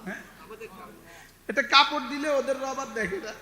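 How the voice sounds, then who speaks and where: Man, preacher, very high voice, bright, sermon with chanted verses, echoey hall. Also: moderate pace. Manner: chanting Arabic verses, call-and-response with the crowd. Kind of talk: Islamic sermon. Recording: echoey hall with long reverb.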